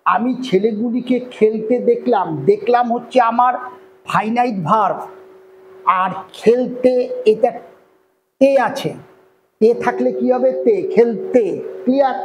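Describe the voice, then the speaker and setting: Man, Bengali accent, very high voice, grammar teacher, explains step by step, faint background hum. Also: a little slow, long pauses, rough recording. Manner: explains step by step, often checks "clear?". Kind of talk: online grammar lesson.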